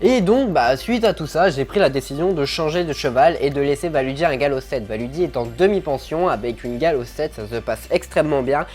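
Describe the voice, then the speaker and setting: A man's voice: on the high side, expressive, fairly quick, hardly any pauses, a little mellow, soft background music. A man talking casually to his viewers in a vlog, upbeat and chatty, telling his story with lots of fillers. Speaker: show-jumping vlogger.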